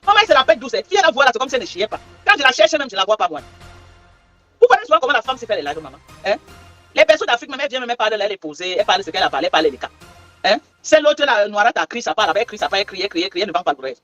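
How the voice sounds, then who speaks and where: A woman's voice: medium pitch, expressive, racing, fairly bright tone, soft background music. A woman from Cameroon, delivering an angry livestream rant full of mocking, repetitive taunts. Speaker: social media livestreamer.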